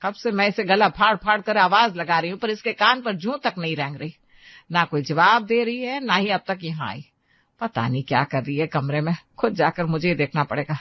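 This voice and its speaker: Nagging elderly mother-in-law for a cartoon moral story, shrill and scolding, played by a woman. Slightly muffled dry recording. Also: normal speed, no room sound, natural voice. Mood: grumbling.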